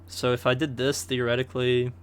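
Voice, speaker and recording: A man's voice: mid-range voice, completely flat delivery, a little fast, smooth. A man streaming a video game, talking in a laid-back, joking way and chatting with viewers. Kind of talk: casual gameplay commentary.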